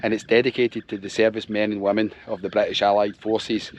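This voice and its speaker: A man's voice: lowish voice, little pitch movement, fairly quick, dull audio. Chatty male cyclist outdoors in the wind. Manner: chatty, self-deprecating, informal. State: slightly out of breath. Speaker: cycling vlogger. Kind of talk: casual travel vlog narration. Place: outdoors, on a ferry and cycling roads. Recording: outdoor wind noise on the mic.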